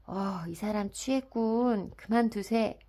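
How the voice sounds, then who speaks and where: A mild, sensible drinking companion speaks in calm, plain tones, as read by a woman. The voice stays mellow and warm, close to her own reading voice. He sounds steady and level-headed in this storybook scene. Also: mid-range voice, takes it slowly, lightly acted. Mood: mild concern. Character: cautious middle-aged male drinking friend, mild and sensible. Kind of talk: dramatic audiobook reading.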